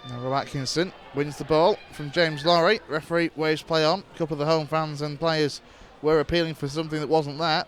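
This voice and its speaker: A man calling live football play-by-play for an internet club radio stream, brisk and steady, rising sharply when a chance comes. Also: on the high side. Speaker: football commentator.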